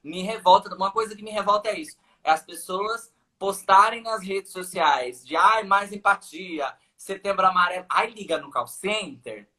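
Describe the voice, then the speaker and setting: A man's voice: sits high, moderate pace, hardly any pauses, pushed and bright. A man with a Brazilian accent, hosting a casual live-stream chat and telling stories in a mocking, ironic way. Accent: Brazilian Portuguese. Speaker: host.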